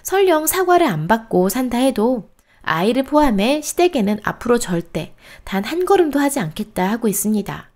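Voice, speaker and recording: A woman hosting a storytelling channel, reading a reader's post aloud in an expressive, steady cadence. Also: on the high side, normal speed.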